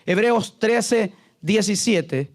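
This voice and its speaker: A man's voice: high-pitched, expressive, extremely slow. A male pastor leading a conversational Bible study, joking and constantly checking in with his listeners. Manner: joking, keeps asking the congregation "¿verdad?" and "¿aló?".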